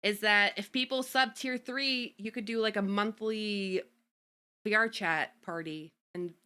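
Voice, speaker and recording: A woman streamer chatting casually at home, full of fillers and quick giggles. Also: medium pitch, fairly even intonation, bright, forceful tone, smooth. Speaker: streamer host. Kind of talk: casual chat.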